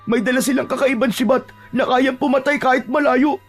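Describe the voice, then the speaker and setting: Guy putting on a bossy bragging young tribesman, way up high in pitch, faint music behind. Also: fairly even intonation, a little fast. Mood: urgent. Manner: bossy and scornful.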